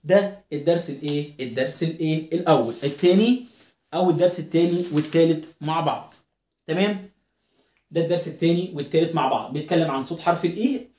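A phonics teacher with an Egyptian accent speaks in a slightly high voice. He says each practice word several times and asks questions to check understanding. The room gives his voice a clear echo. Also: fast talker, a little mellow. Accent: Egyptian Arabic. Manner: drills words by repetition, asks the listener questions. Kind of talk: online phonics lesson.

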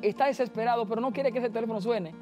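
High-voiced man giving an earnest testimony. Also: very fast, mellow, faint music behind. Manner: earnest preaching tone, addresses listeners as brothers. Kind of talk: personal faith testimony.

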